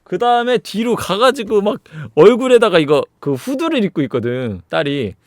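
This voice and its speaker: A man recapping a movie in a casual, animated way, throwing in sound effects as he goes. His voice sits a bit high and swings widely in pitch. The recording is dry and close. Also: moderate pace, no echo. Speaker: movie reviewer.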